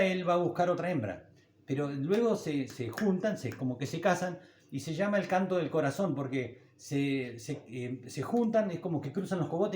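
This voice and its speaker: A man's voice: a little high, a little mellow, echoey room. An older man with an Argentine Spanish accent, preaching a sermon as a pastor in a conversational, folksy way with homely anecdotes.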